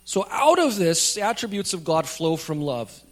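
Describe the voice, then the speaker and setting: A man's voice: fairly high pitch, big pitch swings, normal speed. A man preaching a sermon at a pulpit microphone in a church, speaking in a plain, conversational way with light jokes for the congregation. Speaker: pastor. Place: church sanctuary.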